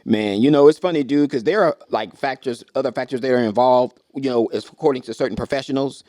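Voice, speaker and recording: A man's voice: medium pitch, quick pace, warm tone, dry recording, clean studio sound. A man in casual podcast chat who reacts briefly and then explains points one by one.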